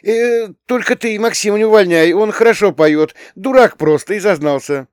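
A man's voice: sits high, moderate pace, clean tone, no room sound, studio quality, voice pushed up, natural voice. A man voicing a spirited teenage girl who talks bluntly and scolds with indignation. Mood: indignant.

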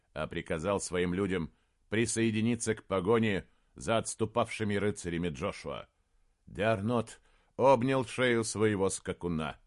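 A man narrating a fantasy audiobook in a steady, even reading voice. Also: deep voice. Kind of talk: scripted narration.

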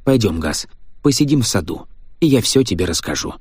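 A man doing a tearful pleading wife, soft, lowish voice, dry close sound, audiobook. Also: very animated, fairly quick, husky, dry recording.

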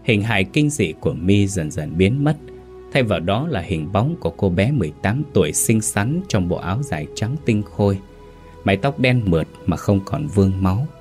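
A man with a very low voice narrates a scripted ghost story in a dramatic, measured way. Faint music plays behind his narration. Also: very animated, darkish tone.

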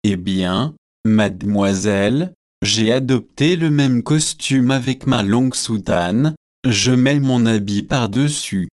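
A solemn young clergyman who holds forth at an unhurried pace, read by a man. He sounds pompous and pleased with himself. The sound is dry and close. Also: medium pitch, a little mellow, dry recording, close to an everyday voice. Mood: earnest. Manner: grave, self-satisfied delivery. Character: earnest young male curate, pompous.

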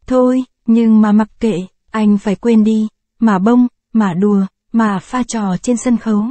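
Dark-voiced woman reading a story. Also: on the high side, steady tone, measured pace, no room sound. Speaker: audiobook narrator. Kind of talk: scripted short story reading.

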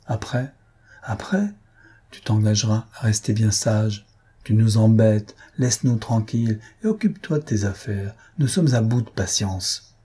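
A man's voice: moderate pace, mellow, husky, natural voice. A man voicing a menacing, brutal male court clerk who hammers out his syllables. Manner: hammers syllables, low and hard.

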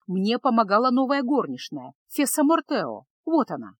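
A woman's voice: fairly high pitch, big pitch swings, normal speed, husky, no room sound. A woman reading the part of a frightened head maid in an audiobook, with a faltering voice. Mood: scared. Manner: trembling, faltering.

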